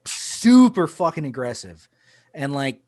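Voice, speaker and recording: A man's voice: on the high side, sing-song, unhurried, mellow, no echo, clean studio sound. A man guest on a podcast, chatting casually and swearing freely. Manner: frank and crude, swears freely. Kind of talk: casual chat.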